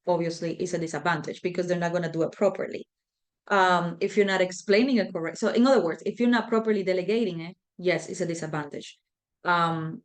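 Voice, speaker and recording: A woman leading a leadership training class, talking loosely with many fillers and restarts. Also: fairly low pitch. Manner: conversational, filler-heavy, repeats herself. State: out of breath. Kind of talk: live online class.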